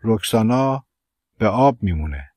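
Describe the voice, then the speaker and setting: A man reading the part of a calm, knowing man in an audiobook, quiet and even. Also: on the low side, dry recording, studio quality. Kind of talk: audiobook character voice.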